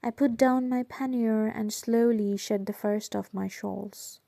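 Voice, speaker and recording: Slow, gravelly woman reading a novel. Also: a little high, no room sound, studio quality. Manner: measured, steady storytelling. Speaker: audiobook reader. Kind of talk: first-person novel narration.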